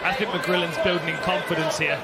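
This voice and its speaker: A man's voice: a little high, steady tone, fairly quick. A man giving conversational, analytical colour commentary on a live MMA fight. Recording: very noisy arena, roaring crowd.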